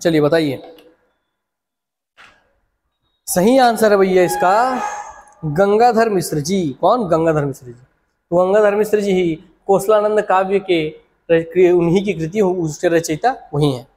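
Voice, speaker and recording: A man's voice: sits high, a little slow, darkish tone, in a large hall. A man teaching an online exam-prep class, urging viewers on and repeating questions and answers.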